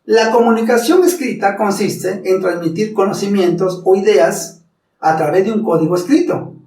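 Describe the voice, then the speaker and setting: A man teaching public speaking, talking formally to the viewer and slowly demonstrating pronunciation. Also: high voice, a little mellow, echoey room, distant mic, rough recording. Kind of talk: instructional talk.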